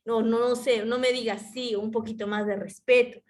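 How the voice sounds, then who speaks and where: Young adult woman, high-pitched, animated storyteller sharing with the class on a call. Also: normal speed, a little hiss or hum. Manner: animated storytelling, addresses teacher as "Miss" often. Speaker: student. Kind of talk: personal account in class discussion.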